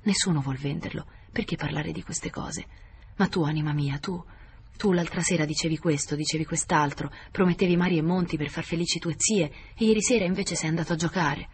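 A reader voicing a gentle, worried old servant who speaks softly and reassuringly in an audiobook. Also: mid-range voice, fairly quick, a little hiss or hum, close to an everyday voice. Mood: soothing. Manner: soft, reassuring, subdued. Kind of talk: audiobook character voice.

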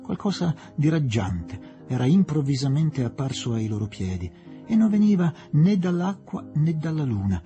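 A man narrating a literary novel as an audiobook, reading in a measured, expressive way. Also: fairly high pitch, faint music behind.

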